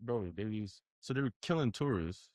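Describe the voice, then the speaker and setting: A man's voice: fairly low pitch, lively intonation, normal speed, a little mellow, dry recording, studio quality. A young man co-hosting a podcast, talking in an earnest, thoughtful, rambling way. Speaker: podcast co-host. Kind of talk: casual chat.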